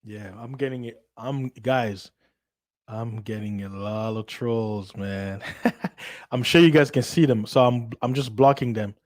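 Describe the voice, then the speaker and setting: He's a livestream host, a man from Central Africa who grew up speaking Lingala, and his mid-range voice moves at a measured pace. The monologue he gives his viewers is casual and emphatic, with frequent repetition, restarts and rhetorical questions.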